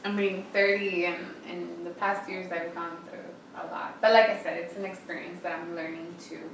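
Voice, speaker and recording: A woman's voice: fairly low pitch, fairly even intonation, moderate pace. A woman around thirty leading a girls' youth group, talking casually with many fillers and frequent laughs. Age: 30s. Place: room of a church, echoey. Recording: echoey room, mic far off, noisy background.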